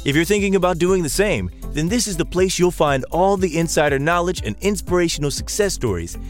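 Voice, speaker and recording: A man's voice: fairly high pitch, expressive, a little fast, soft background music. A man reading a polished, promotional scripted show intro as announcer.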